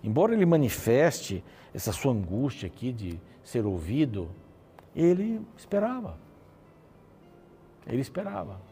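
A man's voice: mid-range voice, very animated, a little slow, dark tone, a little hiss or hum. A man gives a devotional Bible commentary in a conversational way, repeating phrases and often adding a questioning tag. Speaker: Bible teacher.

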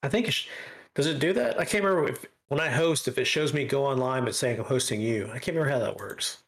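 A man's voice: medium pitch, quick pace. A man hosting a casual gaming stream show, rambling with many fillers and restarts. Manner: rambling, filler-heavy, self-correcting. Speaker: host. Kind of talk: casual gaming podcast chat.

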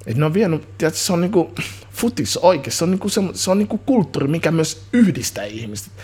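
In a casual interview, a man in his thirties who plays music and coaches youth football talks with energy and slang, rambling and restarting often. His voice sits on the high side and sounds husky.

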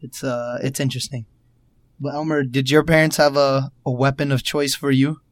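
Man, mid-pitched, dry close sound, laid-back profane podcast chat. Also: normal speed, no room sound. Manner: relaxed, profane storytelling with short agreements. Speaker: podcast co-host. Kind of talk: casual chat.

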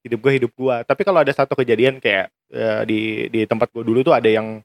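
A young man co-hosting a casual chat, telling animated stories and laughing often. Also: mid-range voice, fast. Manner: animated storyteller, laughs a lot. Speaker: podcast co-host.

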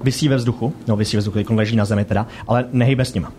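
A man narrating as game master, describing scenes in a halting way with fillers. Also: fairly low pitch, steady tone, dark tone, faint music behind.

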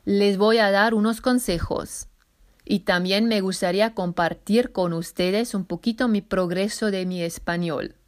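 A woman hosts a solo podcast in careful learner's Spanish, making small self-corrections along the way. Her mid-range, steady voice is a little slow and carries a slight Argentine accent mixed with others.

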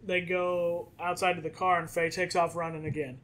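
A man's voice: sits high, little pitch movement, normal speed, fairly bright tone. A man casually recapping a movie plot in a podcast chat, acting out the characters' lines as he goes. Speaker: podcast co-host.

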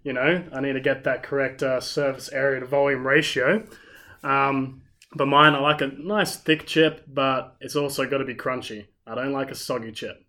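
A man's voice: medium pitch, steady tone, normal speed, pushed and bright. Chatty man, mid voice. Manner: enthusiastic, chatty. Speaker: podcast co-host. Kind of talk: casual chat.

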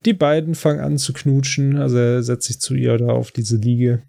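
A man's voice: mid-range voice, flat delivery, normal speed, gravelly, mellow. A man co-hosting a podcast, casually retelling a TV episode in a loose, rambling way full of fillers. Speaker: podcast co-host recapping a TV episode. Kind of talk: casual chat.

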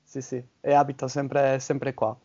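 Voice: mid-range voice, flat delivery, unhurried, a little mellow, dull audio. A native English speaker from southern England with an English accent, chatting casually and searching for words in a second language. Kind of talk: casual chat about languages.

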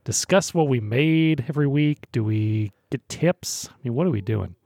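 Young man, husky voice, mid pitch, teasing podcast banter, dry close sound. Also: moderate pace, darkish tone, dry recording. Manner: teasing, laughs often. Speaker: podcast co-host. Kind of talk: casual podcast chat.

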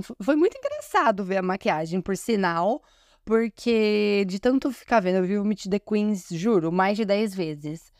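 A woman's voice: mid-range voice, a little mellow, no echo, clean studio sound. A woman podcast host with a Brazilian Portuguese accent, chatting in an effusive, gushing fan recap full of fillers. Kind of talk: casual fan recap commentary.

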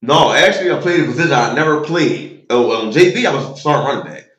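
A man in his thirties telling stories about his high school football days in a loose, slangy way with lots of fillers. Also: animated, fast talker, a bit bright, roomy sound, rough recording. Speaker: interview guest, former football player. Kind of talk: casual storytelling interview.

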